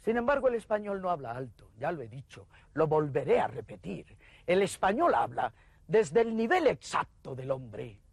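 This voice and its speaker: A man reciting poetry dramatically, swelling to calls and dropping to hushed lines. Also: a little high, very animated, moderate pace, slightly rough, no echo.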